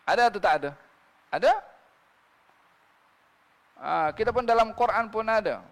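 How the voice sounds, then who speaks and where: A male preacher delivers a sermon in a fairly high voice that keeps catching into a gravelly fry. He recites scripture in Arabic and often checks in with his listeners through rhetorical questions. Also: lively intonation, moderate pace, fairly bright tone, big-room sound. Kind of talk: religious sermon.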